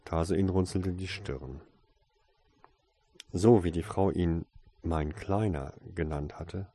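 A man narrates a story aloud with a deep, low voice. His tone is dark and mellow with a husky, slightly breathy grain. The reading is calm and steady throughout. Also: slow pace, no room sound. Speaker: audiobook narrator. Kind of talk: scripted narration.

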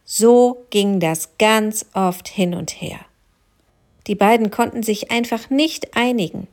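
A woman narrating a children's story in a gentle, expressive way. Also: medium pitch, takes it slowly.

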